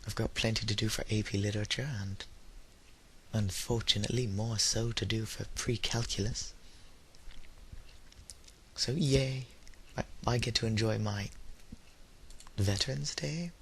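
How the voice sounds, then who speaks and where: Feeling run down and slightly ill, a teenage or young adult high-school student rambles in a YouTube audio log, pausing often. His fairly low voice stays steady at a measured pace, and his humour is dry and self-deprecating. It's a noisy home recording with background hiss.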